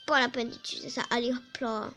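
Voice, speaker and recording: A woman giving casual, excitable let's play commentary, chatting to her team and swearing at opponents. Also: on the high side, quick pace, soft background music.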